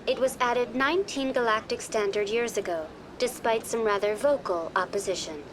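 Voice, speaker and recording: A woman voicing a courteous virtual intelligence guide in a science fiction game, formal, measured and impersonal. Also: fairly high pitch, noisy background, lightly acted. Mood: polite, composed. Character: courteous female virtual intelligence tour guide on a space station. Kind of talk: scripted informational game dialogue.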